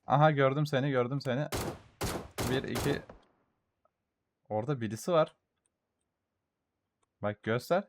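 A young man giving gameplay commentary for a mobile shooter, excitedly taunting enemies and muttering to his audience, with gunfire behind him. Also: mid-range voice, a little slow, pauses often, background noise. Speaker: gaming YouTuber.

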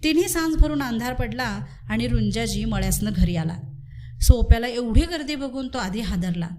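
A woman narrating a Marathi village story aloud in an expressive, measured way. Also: a little high. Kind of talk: story reading.

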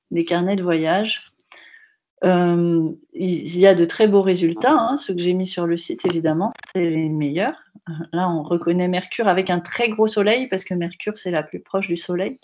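A woman's voice: on the low side, normal speed, darkish tone, muffled recording. A woman art teacher presenting a class project over a video call, speaking hesitantly with many filler sounds and restarts. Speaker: visual arts teacher.

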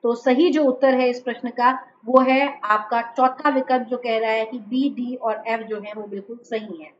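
High-voiced woman teaching an online class. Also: fairly even intonation, lo-fi sound, slight background noise. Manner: explains step by step, repeatedly urges quick answers. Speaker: exam-prep teacher. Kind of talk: online live-class lecture.

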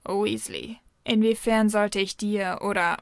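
A woman voicing a proud, bitter young man who speaks in a slow, clipped, scornful way. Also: mid-range voice, fairly even intonation, vocal fry, no echo, clean studio sound. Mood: cold, scornful.

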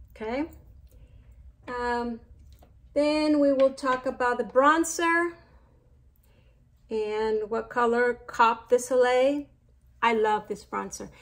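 A middle-aged Mexican beauty vlogger with a slightly high, gravelly voice chats casually while reviewing makeup products. She speaks with a Mexican Spanish accent, slowly and without hurry, using fillers and trailing asides.

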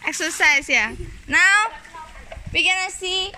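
A woman's voice: very high-pitched, expressive, takes it slowly, background noise. A woman, a mother running backyard pool games for her kids, talking casually, laughing often and slipping into phrases. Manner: cheerful, laughs often, mixes in Indonesian phrases. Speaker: mother hosting a family pool-game video. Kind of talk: casual family vlog commentary. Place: backyard lawn beside a garden pool, outdoors. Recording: loud background music over the voice.

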